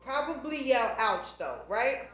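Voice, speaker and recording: A woman's voice: on the high side, lively intonation, measured pace. A woman co-hosting a podcast in casual chat. She talks bluntly and insistently, pressing with rhetorical questions. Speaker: podcast co-host. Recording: very echoey, dull podcast audio.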